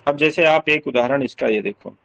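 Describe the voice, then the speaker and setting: A man's voice: medium pitch, normal speed, creaky, fairly bright tone, dull audio. A man teaching English literature for exam prep, explaining step by step, sounding out words aloud and often checking that students follow.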